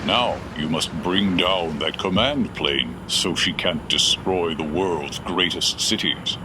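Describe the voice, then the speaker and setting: An actor playing a hearty, earnest old Santa in a radio adventure, declaiming slowly. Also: male voice, sits low, noisy background. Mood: urgent.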